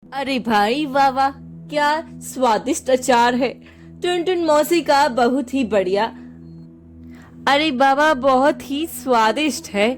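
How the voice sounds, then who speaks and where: A woman's voice: high voice, slow pace, faint music behind. A woman doing a greedy talking clay pot. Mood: delighted.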